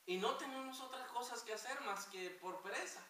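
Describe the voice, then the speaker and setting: Fervent preacher in an echoey church. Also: male voice, very high-pitched, fairly quick, sharp tone. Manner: fervent, addresses congregation as brothers. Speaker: pastor. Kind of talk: sermon. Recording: echoey hall from far off, hiss.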